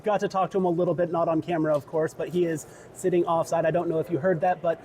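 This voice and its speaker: A man's voice: on the high side, level tone, fast, dark tone. A man conducting a casual interview at a convention, chatty and friendly, with lots of fillers. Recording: noisy convention crowd behind.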